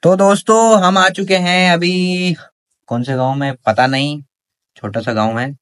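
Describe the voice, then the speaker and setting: A young man narrating a travel vlog in a relaxed, casual way, speaking to his viewers. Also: high-pitched, measured pace, smooth. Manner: relaxed, addresses viewers as friends. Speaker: vlogger, travel companion.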